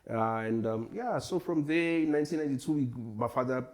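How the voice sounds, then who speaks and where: A man's voice: fairly high pitch, a little fast, darkish tone. A man in his forties from Tanzania, a hip hop artist chatting as a guest in a casual interview, laid-back and rambling. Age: 40s.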